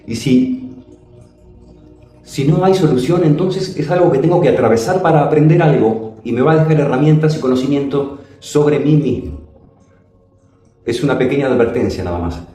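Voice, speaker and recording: A man telling a spiritual personal story dramatically, his pitch swooping and his phrases slow and drawn out. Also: mellow. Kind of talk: personal testimony. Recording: very echoey room.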